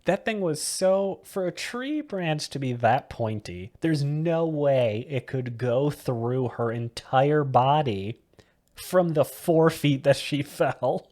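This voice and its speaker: Chatting easily as a podcast co-host, a man with a slightly high voice walks slowly through a film scene by scene. He sounds loose and amused the whole time, repeatedly giggling mid-sentence.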